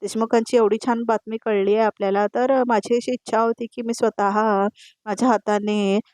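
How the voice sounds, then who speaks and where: A woman's voice: fairly high pitch, fairly even intonation, moderate pace, darkish tone, dry recording, natural voice. A woman voicing a cheerful young wife in a serial recap, speaking in a persuasive, upbeat way. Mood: reassuring.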